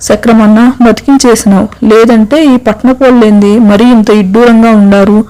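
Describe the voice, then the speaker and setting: Woman doing a blunt, loud village woman. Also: a little high, fairly even intonation, normal speed, close to an everyday voice, rough recording. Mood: scolding. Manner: rustic village speech, blunt and scolding.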